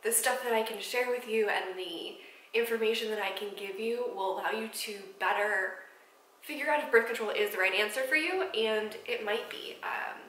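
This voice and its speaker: Bright-voiced woman in her twenties, candid. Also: on the high side, moderate pace, roomy sound, poor audio. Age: 20s. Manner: candid, emotional, many ums and restarts. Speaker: vlogger. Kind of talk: personal vlog talking to camera. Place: apartment room.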